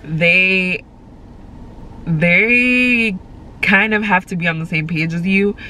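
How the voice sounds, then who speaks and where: A congested young woman vlogs from a parked car, rambling to camera with lots of fillers in a slow, lowish, sharp-toned voice. She holds her phone at arm's length, and the low-quality recording picks up faint background noise from the car.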